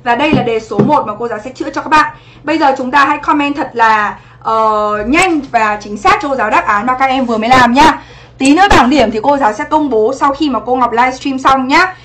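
High-voiced chatty woman teacher. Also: a little fast, a bit bright, slight background noise. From Vietnam. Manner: chatty, checks in often with rhetorical questions. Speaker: English teacher. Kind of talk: livestream exam review lesson.

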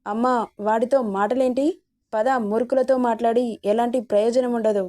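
A woman's voice: fairly high pitch, steady tone, a little fast, warm tone, close to an everyday voice. A woman voicing a stern middle-aged man, a son and a father, who scolds and warns. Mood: dismissive.

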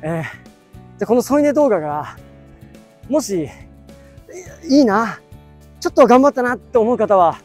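A man's voice: high-pitched, animated, normal speed, long pauses, faint music behind. A man hosting a casual outdoor vlog, chatting playfully and repeating short phrases. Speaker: host of a street stunt video. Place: city street and plaza at night, outdoors.

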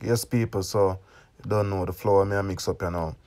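Jamaican man, young adult, fairly low voice, casual cooking talk, home kitchen, phone camera. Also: steady tone, fairly quick, a little mellow, faint music behind. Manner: chatty, keeps asking "you get me?". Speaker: cooking channel host.

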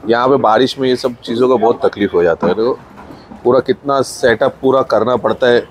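A man's voice: mid-range voice, a little fast, slight background noise. Man with a Mumbai accent vlogging his farm. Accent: Mumbai Hindi. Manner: chatty, points things out, mixes in English words. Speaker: farm owner filming his buffalo feeding. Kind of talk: casual walkthrough vlog narration. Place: outdoor farm sheds.

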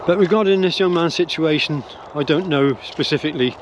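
Holding his phone or camera close at arm's length, an older Englishman rambles through opinions while walking his dogs in woodland. He's musing and unsure, restarting often and leaning on fillers. His voice is a little high and a little fast, against a noisy background.

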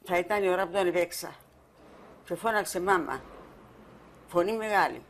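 Older woman, Cypriot Greek accent, gravelly creaky voice, halting documentary testimony. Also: lowish voice, background noise. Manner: halting, repeats words while recalling. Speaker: mother of the fallen soldier.

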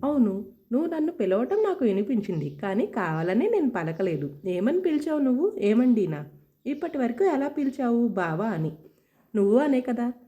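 A playful young husband who teases his new wife and reassures her, as a woman narrator voices him. The delivery is mellow and warm, lively in pitch, easygoing and fond. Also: normal speed, lo-fi sound. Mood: teasing. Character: young man, doctor, teasing and caring husband.

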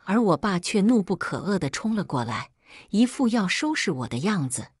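A woman's voice: medium pitch, big pitch swings, normal speed, darkish tone, husky, no echo, studio quality. A woman reading a family drama aloud as a scripted first-person narration, telling it expressively. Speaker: storyteller.

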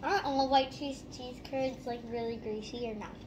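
A woman's voice: sits high, fairly even intonation, moderate pace. Young woman talking behind her hand. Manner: chatty, talking while chewing. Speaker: vlogger. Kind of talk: casual food-tasting vlog. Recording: clear background noise.

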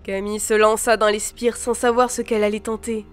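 A woman reading a fantasy novel aloud as an expressive storybook narrator. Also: medium pitch, fairly quick. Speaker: audiobook reader. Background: soft background music.

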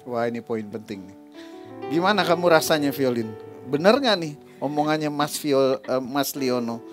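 A man's voice: mid-range voice, lively intonation, moderate pace. A man hosting a talk show, encouraging his guests and asking follow-up questions. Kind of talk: interviewing guests. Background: faint music.

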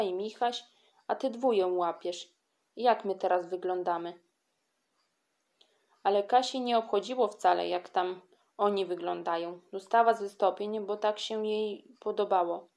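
Woman, children's audiobook narration, lively, expressive, mid pitch. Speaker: audiobook reader.

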